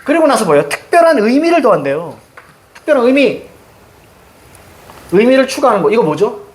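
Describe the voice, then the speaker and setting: A man's voice: very high-pitched, very animated, brisk, reverberant. A middle-aged man from Seoul teaching grammar in a classroom, chatty and teasing with his students. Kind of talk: classroom lecture.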